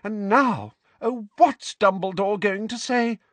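A man voicing a batty, frantic old woman neighbour who scolds in a shrill, shrieking voice. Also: slow, fairly bright tone, no echo. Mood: frantic scolding. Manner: fussy, breathless scolding.

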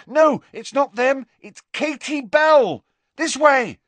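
A man reading an audiobook voices a teenage boy wizard who shouts urgently over the wind. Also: very high voice, animated, takes it slowly, no echo, voice pushed up, full character voice. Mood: urgent shouting.

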